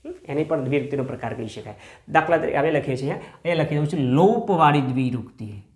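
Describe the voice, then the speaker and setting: In an echoey room, a male school teacher with a slightly high voice talks fast and animatedly through a grammar lesson. He refers to his listeners as friends, poses and answers his own questions, and elongates key words.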